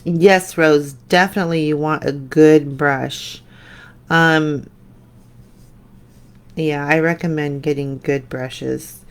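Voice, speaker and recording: Slow, gravelly low-voiced woman painter. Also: fairly even intonation. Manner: chatty, answers viewer comments while painting; drifts into soft mutters when concentrating. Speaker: painting tutorial host. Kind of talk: live painting demo, casual chat.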